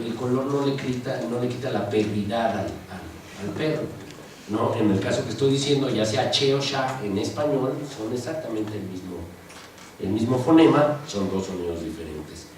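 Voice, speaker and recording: A Mexican man lecturing a class, loose and talkative, tossing in asides and quick "right?" checks. He stands well back from the mic in a very echoey classroom, with a faint hiss under him. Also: mid-range voice, expressive, darkish tone, recorded from a distance. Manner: chatty teaching with asides and rhetorical checks. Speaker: linguistics lecturer. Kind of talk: university lecture. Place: university classroom.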